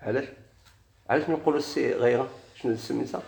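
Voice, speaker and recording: Echoey Moroccan grammar teacher quizzing students. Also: male voice, medium pitch, gravelly, darkish tone. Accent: Moroccan Arabic. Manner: quizzes students, drags out example words slowly. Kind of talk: classroom grammar lesson.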